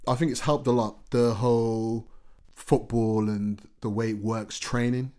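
A man's voice: medium pitch, fairly even intonation, a little slow, darkish tone. A man, an actor and writer, speaking as a guest in a casual podcast interview, earnest and emphatic, repeating phrases for stress.

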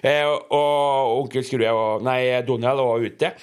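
A man's voice: mid-range voice, steady tone, clear, resonant tone. A young adult man who hosts a podcast, casually reading a comic book aloud and rambling hesitantly as he describes each panel. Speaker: podcast host.

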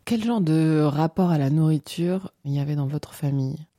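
A woman hosting a podcast, reading a measured scripted intro and asking interview questions. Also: low voice, mellow, dry recording, studio quality. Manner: clear, measured, announcer-like delivery.

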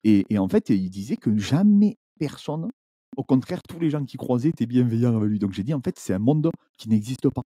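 A man, a YouTuber guest on a podcast, telling stories in an animated, chatty way with many restarts. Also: medium pitch, fairly quick, husky, no echo, clean studio sound. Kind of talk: casual podcast chat.

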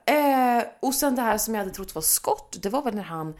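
A young woman co-hosting a podcast, telling a story animatedly and laughing often. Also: fairly high pitch. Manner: animated, laughing, acts out shouts. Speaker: podcast co-host. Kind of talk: casual chat, storytelling.

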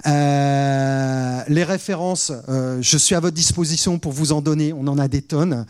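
Man, slightly high voice, conference presenter, rapid feature lists, hesitant fillers. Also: steady tone, darkish tone, clear, resonant tone. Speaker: product presenter.

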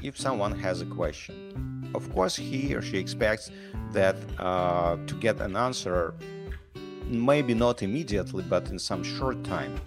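A man from Russia who speaks. He answers interview questions in halting English, with many restarts. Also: on the low side, animated, over music. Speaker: guest, business founder.

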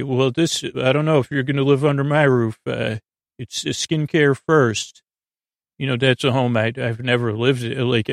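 A man hosts a sleep podcast, his gravelly, creaky, medium-pitched voice wandering through a stammering monologue full of digressions. The studio sound is clean with no echo.

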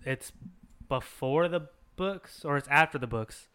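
A man's voice: a little high, measured pace, sharp tone, smooth. A man chatting casually as a podcast co-host, rambling with fillers and laughing often. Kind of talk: casual chat.

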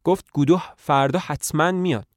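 A man's voice: fairly high pitch, no room sound, studio quality, natural voice. A man voicing a fretful, talkative older tramp who asks probing questions and coaxes his friend. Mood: questioning. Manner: probing questions, coaxing reassurance.

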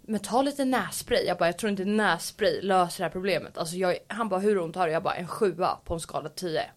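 A woman co-hosting a casual podcast, telling a story with animated energy. She acts out the voices of the people she quotes and swears freely. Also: on the low side. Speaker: podcast co-host.

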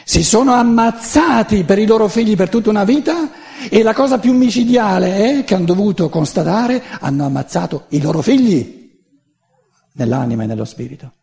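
An older man giving an animated public lecture, full of digressions and restarts. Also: high voice, moderate pace, vocal fry.

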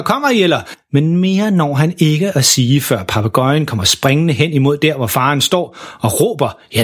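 A man narrating a children's story in a lively, expressive way. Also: medium pitch, husky.

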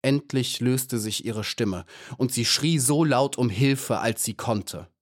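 A man narrating a children's audiobook in a measured, even storytelling manner. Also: medium pitch. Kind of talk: scripted narration.

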